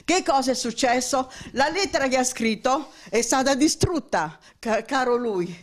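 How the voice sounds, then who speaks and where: Woman, 60s, high voice, indignant and insistent interview guest who repeats phrases and will not yield. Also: lively intonation, moderate pace. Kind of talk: heated, rambling interview talk. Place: small indoor room with bookshelves. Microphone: interviewer's handheld microphone.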